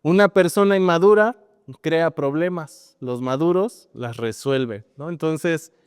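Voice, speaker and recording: A man's voice: a little high, unhurried, clear, resonant tone, no echo, clean studio sound, in a large hall. A man with a Mexican accent preaching a sermon as pastor, in a conversational style that keeps adding tag questions.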